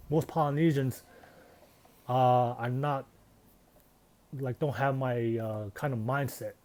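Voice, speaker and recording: A man's voice: mid-range voice, mellow. A man, talking earnestly and reflectively in a casual personal vlog. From Tonga. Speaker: vlogger.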